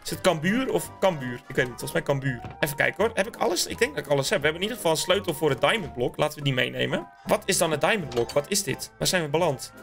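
A man giving excitable, chatty let's-play commentary on a block-building game and talking straight to his viewers. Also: fairly high pitch, rapid-fire, vocal fry, few pauses, faint music behind. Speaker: gaming YouTuber.

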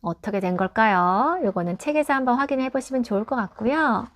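A woman reviewing a children's picture book, explaining it patiently and clearly and modelling English pronunciation tips. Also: on the high side, brisk, a little hiss or hum.

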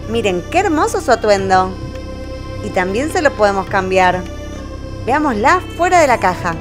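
A woman hosting a children's toy show with a bright, sing-song, exclamatory welcoming delivery. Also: medium pitch, big pitch swings, normal speed, over music. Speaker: toy channel host.

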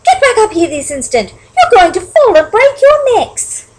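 A woman's voice: sits high, very animated, a little fast, voice pushed up, poor audio. A woman doing a stern, scolding mother bird. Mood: alarmed.

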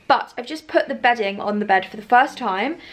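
A young woman chatting casually in her flat for a vlog, enthusing about her rooms with lots of ums and likes. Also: on the high side, fairly quick. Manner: gushing, filler-heavy, enthusiastic. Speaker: home vlogger. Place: bedroom and kitchen of a rented flat, indoors.

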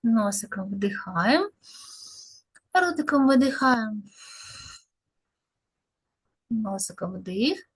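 A woman's voice: on the high side, lively intonation, slow pace, long pauses, breathy edge. A woman speech therapist leading a lesson for small children, drawing out words in a sing-song way.

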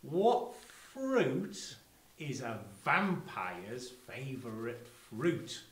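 A woman's voice: very deep voice, sing-song, drawn-out words. Sex: woman. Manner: giggly, swooping reactions. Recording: echoey, noisy room. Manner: giggly, teasing, exaggerated reactions. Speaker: co-host. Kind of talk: playful kids' church show chat. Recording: echoey room with background noise.

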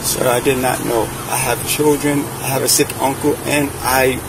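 A man's voice: mid-range voice, little pitch movement, moderate pace. A man pleading desperately during his arrest at the roadside, captured by an officer's bodycam. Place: roadside, outdoors. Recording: loud roadside noise on bodycam.

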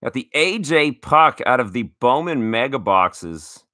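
A man in his thirties hosts a casual card-opening chat, gushing with thanks and tripping over his words as he restarts sentences. His voice is bright and forward. The sound is dry and close, with no room echo. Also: medium pitch, very animated, unhurried. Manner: enthusiastic, grateful, stammering restarts. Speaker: card collecting show host.

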